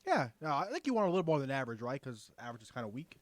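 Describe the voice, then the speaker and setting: A young man co-hosting a podcast, chatting casually and joking in a fast, animated way. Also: medium pitch, no echo. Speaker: podcast co-host. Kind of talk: casual chat.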